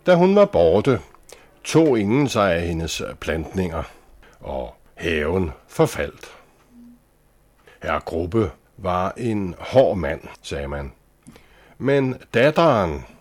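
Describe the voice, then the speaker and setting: Low husky male storyteller. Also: very animated, faint music behind. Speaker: narrator. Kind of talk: scripted storybook narration.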